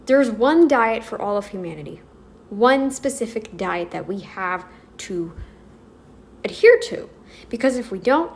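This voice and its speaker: A woman's voice: on the high side, a little mellow. A North American woman rambling through an emphatic opinion commentary, speaking straight to her viewers. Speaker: commentary vlogger.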